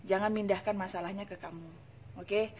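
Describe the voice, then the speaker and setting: A woman's voice: medium pitch, steady tone, a little fast, slight background noise. A woman in her thirties, a hypnotherapist, answering viewers' questions in a casual live stream, chatty and laughing often while mixing in English phrases. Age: 30s.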